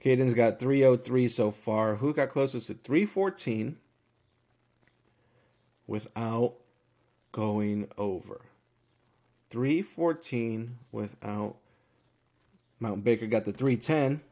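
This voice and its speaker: A man's voice: medium pitch, dark tone. Upbeat man reading viewer guesses. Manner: upbeat and hyped, rattling off numbers with quick yes-or-no verdicts. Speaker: host of a live-streamed Q&A show. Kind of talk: live-stream giveaway, reading viewer guesses aloud.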